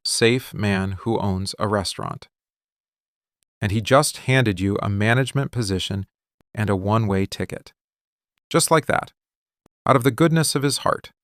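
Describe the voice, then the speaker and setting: An ASMR voice actor with a lowish voice plays a possessive, wounded mafia boss in an intimate boyfriend roleplay. His phrases are controlled, deliberate, and intense, recorded dry with clean studio sound.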